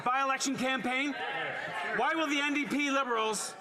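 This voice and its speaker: High-pitched man shouting political attacks. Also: fairly even intonation, normal speed. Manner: shouted slogan delivery with emphatic repetition. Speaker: opposition member of parliament. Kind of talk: combative political speech. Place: large indoor legislative chamber. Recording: noisy chamber with loud crowd.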